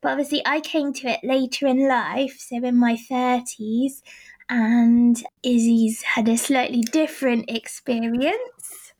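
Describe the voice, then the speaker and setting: Forties woman, high-pitched, reflective and sincere, interview guest. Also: steady tone, a little slow, darkish tone. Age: 40s. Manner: earnest, reflective, laughs lightly. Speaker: boxing club co-founder. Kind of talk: conversational interview answers.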